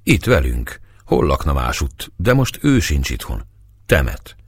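A man voicing a calm, kind middle-aged village woman in a storybook reading, his voice raised higher. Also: slightly rough, no room sound, studio quality, exaggerated voice. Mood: gentle.

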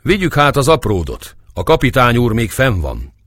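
A man's voice: medium pitch, huge pitch swings, fairly bright tone, no room sound, clean studio sound, pitched above the performer's own voice. A man voicing blunt, folksy peasant men. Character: plain peasant men carrying the dead, blunt and matter-of-fact.

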